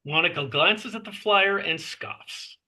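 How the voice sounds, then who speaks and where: A man narrates a screenplay's stage directions in a high, sharp voice, pacing his phrasing carefully and clipping the scene headings.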